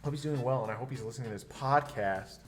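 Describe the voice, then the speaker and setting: A young man co-hosting a casual podcast, telling stories in an animated, rambling way with lots of restarts. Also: mid-range voice, quick pace, faint music behind. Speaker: podcast co-host. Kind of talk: casual chat.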